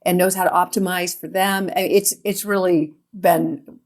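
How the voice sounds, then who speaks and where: A woman's voice: lowish voice, flat delivery, moderate pace. A middle-aged woman chatting casually as a podcast co-host. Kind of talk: casual chat. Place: remote, in an old stone cellar described as a cave.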